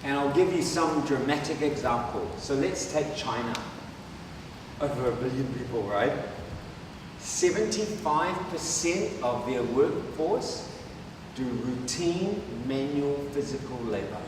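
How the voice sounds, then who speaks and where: In an echoey hall, recorded from a distance amid background noise, a man with a New Zealand accent presents at a conference. His mid-range voice has lively intonation and a slightly slow pace, and he keeps things conversational with frequent "right?" tags.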